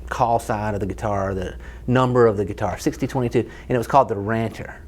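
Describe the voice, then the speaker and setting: A man co-hosting a casual guitar show, enthusiastic and quick to laugh as he explains history. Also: on the low side, fairly even intonation. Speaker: co-host of a guitar shop show. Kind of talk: casual chat.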